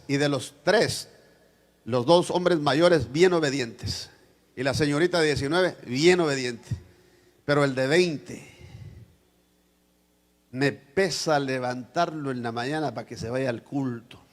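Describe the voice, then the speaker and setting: High-voiced preaching pastor, shouting and soft. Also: male voice, a little slow. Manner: swings from loud shouted preaching to soft asides; acts out quoted voices in his sermon. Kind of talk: sermon. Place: church.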